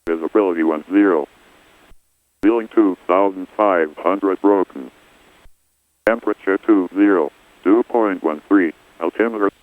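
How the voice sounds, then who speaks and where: A man's voice reciting an airport weather broadcast in a measured, even way, heard over an aircraft radio. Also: deep voice, no echo. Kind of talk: recorded airport information readout. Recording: tinny dry radio transmission.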